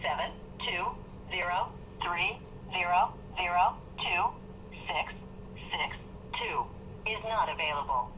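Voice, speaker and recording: A woman's recorded automated voicemail greeting heard through a phone call, reading out the number digit by digit in a flat system-prompt manner. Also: lowish voice, takes it slowly, pauses often. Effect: automated voicemail greeting heard over a phone call. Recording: muffled phone line with light hiss.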